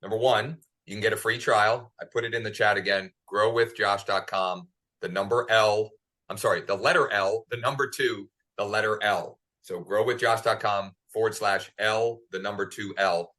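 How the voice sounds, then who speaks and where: A man, a real estate agent, speaking on a webinar in a deliberate, pausing way with fillers. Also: fairly low pitch, fairly even intonation, bright, forceful tone. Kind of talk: webinar talk.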